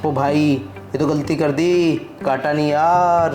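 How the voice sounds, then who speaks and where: A father hosting a casual vlog speaks slowly in a fairly high, evenly intoned voice. He explains things while doing a DIY project, and clear background music runs throughout.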